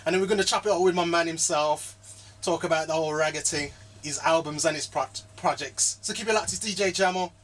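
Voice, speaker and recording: A man hosting a radio show, chatting casually with a guest, relaxed and slangy. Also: a little high, fast talker. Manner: relaxed, drops "bro" and "innit". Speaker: radio DJ host. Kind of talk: casual radio interview chat. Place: radio studio.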